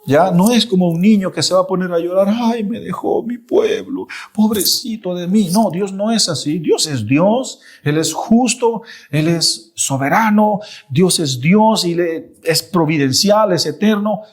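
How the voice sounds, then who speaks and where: A man's voice: high voice, animated, unhurried, hardly any pauses. A man teaching a Bible lesson in a sermon style. He is emphatic and repeats himself, often checking in with his listeners.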